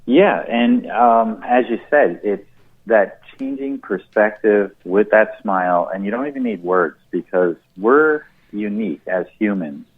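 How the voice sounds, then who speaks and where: A man with a very deep voice speaks as an author guest on a radio show. He talks in an earnest, reflective way. His voice comes through a thin, tinny phone line. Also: a little slow. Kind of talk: casual radio interview talk.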